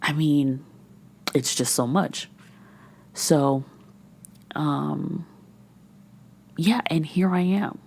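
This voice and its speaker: A woman's voice: low-pitched, drawn-out words, creaky, long pauses, darkish tone, a little hiss or hum. A woman in her thirties hosting a candid solo podcast, rambling and sometimes dropping to a whisper. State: frustrated and overwhelmed. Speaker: podcast host and menopause coach. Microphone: podcast microphone.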